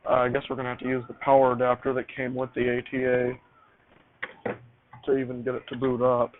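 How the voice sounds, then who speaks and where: An amateur vlogger touring his home radio studio talks fairly quickly in a medium-pitched monotone. He fiddles with equipment while chatting casually, muttering and going over the same phrases again. Expect tinny, phone-band audio over hissy noise.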